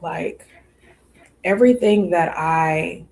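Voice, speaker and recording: A woman hosts a podcast and tells a personal story in a loose, meandering way. Her voice sits a little low, and she keeps acting out both sides of old conversations with plenty of fillers. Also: takes it slowly, gravelly, a little mellow. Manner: rambling with fillers and quoted dialogue. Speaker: podcast host.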